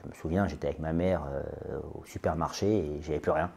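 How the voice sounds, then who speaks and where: A man's voice: extremely low pitch, brisk, vocal fry, darkish tone, breathy edge. A man in his late thirties speaking as a guest in a podcast interview, hesitant, with many fillers and repeated words. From France. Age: 30s. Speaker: interview guest, business owner.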